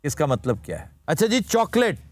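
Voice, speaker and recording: A man's voice: a little high, big pitch swings, a little fast, no room sound. A man hosting a TV talk show, explaining where words come from in a lecturing way and using formal vocabulary. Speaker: host. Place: TV studio.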